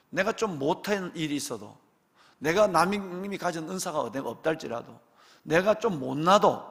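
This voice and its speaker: Gravelly preaching man in a reverberant church. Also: high-pitched, a bit bright. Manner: emphatic preaching with many rhetorical questions; often addresses the congregation directly. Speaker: pastor. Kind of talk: sermon. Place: church sanctuary.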